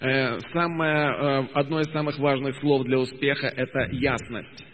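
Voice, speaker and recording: A man's voice: mid-range voice, fairly even intonation, moderate pace, fairly bright tone, big-room sound, a little hiss or hum, low-quality recording. A man interpreting a motivational talk phrase by phrase, hesitant, with frequent filler sounds and self-corrections. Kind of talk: consecutive interpretation.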